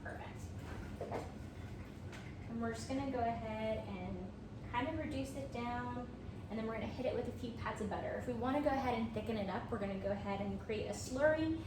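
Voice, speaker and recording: A home cook with a slightly high, brisk voice gives a casual cooking vlog walkthrough from her kitchen in a friendly, chatty way. Her voice comes from a distance in an echoey, noisy room.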